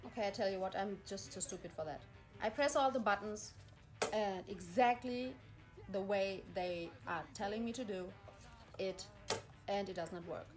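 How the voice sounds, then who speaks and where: A woman's voice: mid-range voice, moderate pace, over music. A woman ranting in exasperation as she reads instructions aloud, repeating herself. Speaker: vlogger. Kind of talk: frustrated vlog monologue reading instructions aloud.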